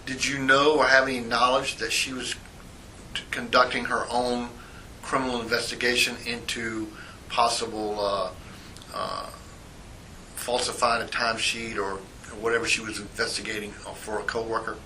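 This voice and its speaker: An internal affairs sergeant with a medium-pitched, sharp voice conducts formal sworn-statement questioning of a witness in an interview room. He is measured and procedural, reading formal statements aloud, on an old interrogation tape with poor audio and faint hiss.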